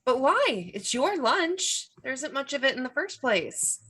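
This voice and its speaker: A woman's voice: high-pitched, big pitch swings, measured pace, a bit bright, heavily acted. A woman playing a scientist's anxious, evasive female creation in a script read-through, pleading and defensive. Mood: nervous, defensive.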